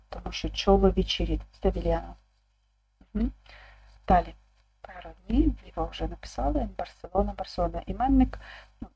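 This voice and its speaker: A woman teacher explaining an online language lesson calmly, repeating each word aloud. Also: on the low side, gravelly, husky, low-quality recording. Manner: calm, slow, repeats words aloud.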